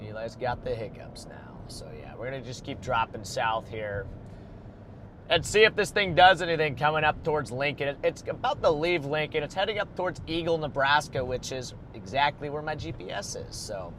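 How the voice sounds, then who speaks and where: A man's voice: medium pitch, animated, moderate pace, a bit bright, slight background noise. A man livestreaming storm chasing from a moving car, thinking aloud in casual, rambling commentary full of fillers. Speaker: storm chaser streaming live.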